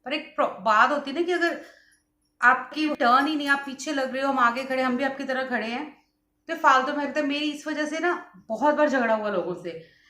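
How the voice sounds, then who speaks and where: A woman's voice: high voice, moderate pace, pushed and bright. Unwell woman vlogging in an echoey room. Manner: chatty storytelling, mixes in English words. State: unwell after a vaccine. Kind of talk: casual vlog chat.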